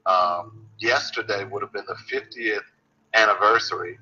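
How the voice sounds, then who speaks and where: A man co-hosting a radio show, speaking in a measured, advising way. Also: lowish voice, steady tone, pushed and bright. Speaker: co-host. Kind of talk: casual radio chat. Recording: dull lo-fi livestream audio with faint hiss.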